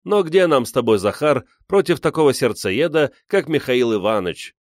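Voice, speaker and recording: A man's voice: medium pitch, animated, moderate pace, dry recording, clean studio sound, pitched above the performer's own voice, lightly acted. A man playing a cheerful, teasing wisecracker. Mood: jovial. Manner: jovial, teasing.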